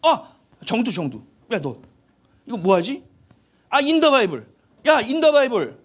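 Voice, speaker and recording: A man's voice: high-pitched, sing-song, unhurried, breathy edge, exaggerated voice. A man voicing God as a casual, playful figure who calls on a servant in an offhand, chatty way.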